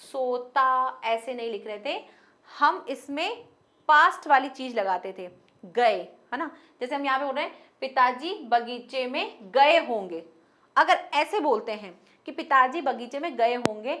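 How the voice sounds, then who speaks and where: Young woman teacher, high voice, explains grammar with everyday examples, drops in english words. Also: pushed and bright. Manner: explains with everyday example sentences, talks directly to students; mixes English words into Hindi. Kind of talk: online grammar lesson.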